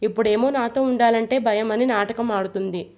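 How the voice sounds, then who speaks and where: A woman's voice: fairly high pitch, moderate pace, darkish tone, natural voice. A woman voicing a stubborn, hot-tempered young husband who firmly insists on his demands in a storybook reading. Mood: insistent. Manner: insistent, firm.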